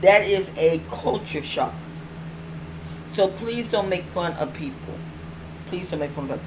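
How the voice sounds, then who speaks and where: In a clearly noisy home recording, a middle-aged woman hosts her online show with a rambling vlog chat, frequently repeating phrases for emphasis. Her toothless speech is slightly slurred, and her lowish voice moves unhurriedly with lively intonation.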